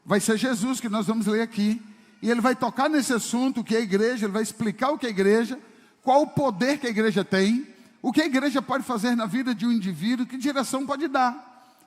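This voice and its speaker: A pastor in a church service hall preaches with emphasis, repeatedly asking his congregation rhetorical questions. His voice is very high-pitched and a little fast, echoing with the hall's long reverb.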